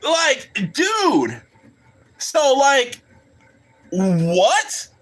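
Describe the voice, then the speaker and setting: Male live streamer, slow-paced, lively pitch, rambling and laughing with chat. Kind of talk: casual reaction commentary.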